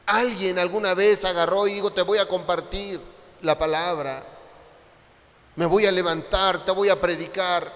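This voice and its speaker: High-voiced preacher in a reverberant hall. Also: male voice. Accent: Mexican Spanish. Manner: impassioned, rising to loud cries. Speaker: pastor. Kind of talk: Sunday sermon. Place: church hall.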